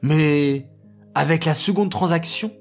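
A storyteller voicing a wise old rabbi who explains slowly and solemnly. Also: mid-range voice, soft background music.

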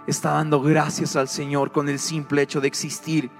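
A man preaching a sermon, animated and questioning his congregation. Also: on the high side, normal speed, creaky, long reverb tail, faint music behind.

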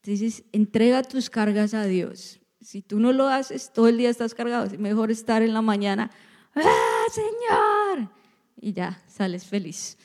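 A woman pastor giving a sermon in a church, lively, with joking asides to the congregation. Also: a little high, moderate pace, few pauses, big-room sound.

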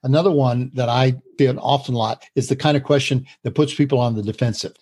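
Husky man explaining with earnest ease. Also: mid-range voice, fairly even intonation, fast, darkish tone. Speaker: co-host. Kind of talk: conversational podcast talk on communication.

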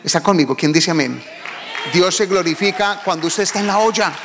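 A man's voice: high voice, a little fast, in a large hall, crowd noise, noisy background. A pastor preaching a sermon, emphatic and calling out to his congregation.

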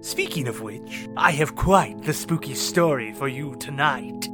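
A man playing a theatrical, mock-sinister male horror radio host who talks in a hammy, drawn-out way. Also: medium pitch, lively intonation, natural voice. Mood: gloating. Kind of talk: campy horror radio drama narration. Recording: music playing under the voice.

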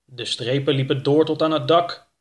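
A man narrating a children's audiobook in a steady, clear reading voice. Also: medium pitch, normal speed. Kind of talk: scripted narration of a children's book.

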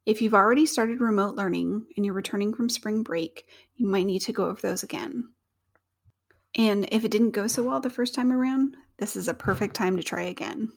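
A woman's voice: medium pitch, brisk, creaky. A woman co-hosting a teaching podcast from home, talking in a chatty, informal, self-deprecating way. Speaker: podcast co-host, science teacher. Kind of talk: casual solo podcast talk. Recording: uneven home audio, edited.

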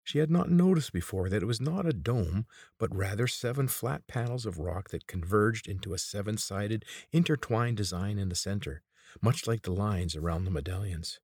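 Male audiobook narrator, measured delivery, very deep voice and husky tone. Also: expressive, a little mellow, no room sound, clean studio sound. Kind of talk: scripted narration.

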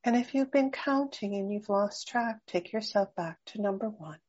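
A woman guiding a slow breathing meditation, speaking softly and soothingly with long pauses. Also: mid-range voice, animated, muffled recording. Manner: slow, soft, soothing and unhurried. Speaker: meditation guide.

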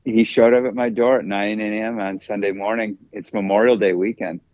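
Laid-back male track coach, low voice. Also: steady tone, a little fast, no echo, highs cut off. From United States. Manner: laid-back storyteller, hesitant fillers. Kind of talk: casual interview.

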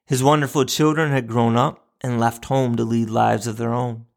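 Gravelly man telling a story. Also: mid-range voice, level tone, normal speed. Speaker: podcast host for educators. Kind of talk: storytelling narration and podcast outro.

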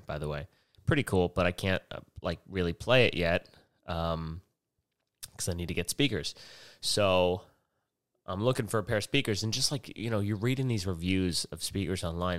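A man talks alone into his podcast mic, his voice sitting a bit low. He rambles and curses his way through loose, self-mocking chat. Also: clear, resonant tone, no echo, studio quality. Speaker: podcast host. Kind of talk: casual solo podcast rant. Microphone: headphones and podcast mic.

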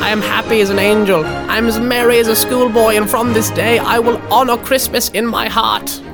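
A man's voice: high-pitched, steady tone, a little fast, vocal fry, music in the background, pitched above the performer's own voice. A man voicing a giddy, reformed Victorian miser who speaks in a theatrical, overjoyed way.

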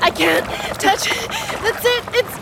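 A woman's voice: extremely high pitch, takes it slowly, creaky, very noisy, exaggerated voice. A woman acting a frightened, pleading young woman in an audio drama, speaking in the strained gasps of someone treading water. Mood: panicked, drowning.

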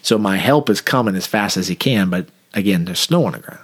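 Brief: male cop, lower voice, casual animated storyteller. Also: fairly quick, slightly rough. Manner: animated anecdote with acted-out quotes. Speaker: police officer.

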